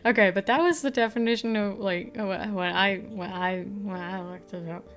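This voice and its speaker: A woman's voice: mid-range voice, moderate pace. A woman, a streamer in casual live-stream chat, loose and profane, muttering at puzzle pieces.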